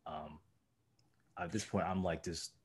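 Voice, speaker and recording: A man's voice: sits low, fairly even intonation, measured pace, husky. A young man, a guest, telling a story casually and filling his talk with "like" and "you know". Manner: rambling, heavy use of "like" and "you know".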